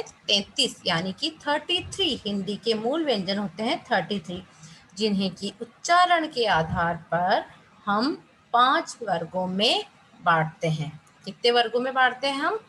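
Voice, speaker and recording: Brief: young female teacher, slightly high voice, patient question-and-answer explaining, faint noise behind. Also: fairly bright tone, low-quality recording. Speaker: Hindi grammar teacher. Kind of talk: classroom-style lesson to students.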